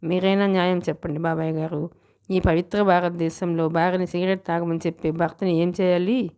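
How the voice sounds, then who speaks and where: A woman voicing a quick-witted young bride who talks briskly and persuasively in an audiobook story. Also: lowish voice, level tone, dark tone, smooth, natural voice. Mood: mock outraged.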